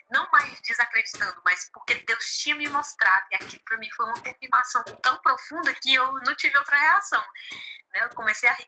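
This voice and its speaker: A Brazilian woman, a gospel singer and preacher, telling her testimony in an interview with lively storytelling, often quoting what others said to her. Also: a little high, poor audio. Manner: lively storytelling, quotes others, laughs easily.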